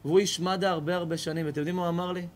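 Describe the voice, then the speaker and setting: Man, rabbi, high-pitched, storytelling lesson, live audience. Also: a little hiss or hum. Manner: animated storytelling, repeats phrases.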